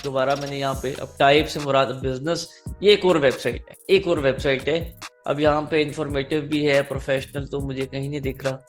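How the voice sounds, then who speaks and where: A man's voice: mid-range voice, fairly even intonation, brisk, faint music behind. Man teaching an online class. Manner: explains step by step, keeps asking students "clear?". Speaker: online marketing instructor. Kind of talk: live online class, teaching by screen share.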